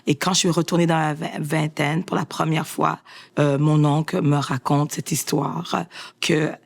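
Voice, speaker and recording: Woman storyteller with a gravelly voice. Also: low-pitched, unhurried. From Haiti. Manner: lively sing-song telling with chanted refrains. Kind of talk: storytelling performance.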